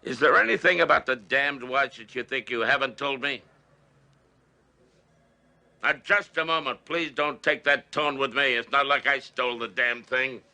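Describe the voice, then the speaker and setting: An actor playing a veteran district attorney, a gruff older man who snaps with exasperation and gives curt orders. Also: medium pitch, normal speed, sharp tone, slight background noise. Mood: exasperated.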